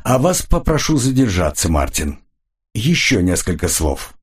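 A man doing a calm, probing colonel. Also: fairly low pitch, measured pace, husky, exaggerated voice. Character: cool, measured older male intelligence colonel.

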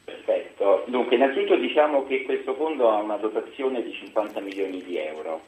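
A man speaking as a guest expert over a landline phone, explaining rules in a measured, formal way. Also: on the low side, a little mellow, slight background noise. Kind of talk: explaining rules on a radio call-in. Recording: dull lo-fi phone line.

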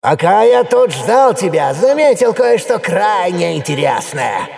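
A man voicing an unseen, gloating male enemy with a thunderous, creaky voice that talks slowly and mockingly. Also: high voice, very animated, darkish tone, long reverb tail, voice pushed up, heavily acted.

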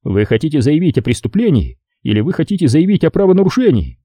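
A man's voice: on the high side, sing-song, fast, warm tone, dry recording, pitched above the performer's own voice. A man putting on a brusque Brooklyn police sergeant. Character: gruff Brooklyn police desk sergeant, impatient, mangling words.

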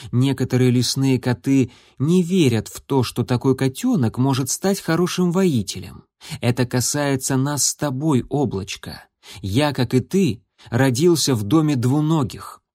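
A man voicing a serious young warrior tomcat who mentors a kitten, speaking in a grave, measured way. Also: mid-range voice, animated, dark tone, no room sound, clean studio sound, close to an everyday voice. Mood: earnest. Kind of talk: audiobook character voice.

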